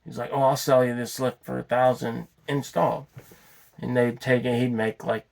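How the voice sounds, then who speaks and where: A man's voice: mid-range voice, little pitch movement, moderate pace, gravelly, darkish tone. A man telling a long personal story off the cuff, rambling, restarting and swearing as he goes. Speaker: vlogger telling his story.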